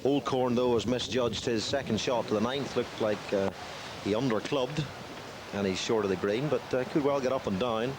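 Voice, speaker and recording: A man giving measured live television golf commentary, with dry, wry asides. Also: mid-range voice, noisy background.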